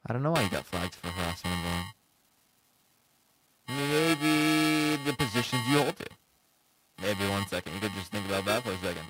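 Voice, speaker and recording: A man's voice: lowish voice, expressive, moderate pace, long pauses, over loud music. Man on a crackling, cutting-out mic. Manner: argumentative, hedges with "like" and "um". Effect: crackling, cutting-out mic from a loose cable. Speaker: livestream debate host. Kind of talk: casual livestream chat with callers.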